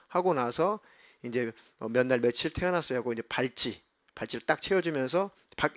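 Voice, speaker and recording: A man's voice: mid-range voice, dry recording, clean studio sound. A middle-aged male pastor giving a youth sermon, telling a story and acting out the people in it, playfully scolding his listeners. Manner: animated, acts out quoted voices, scolds listeners playfully.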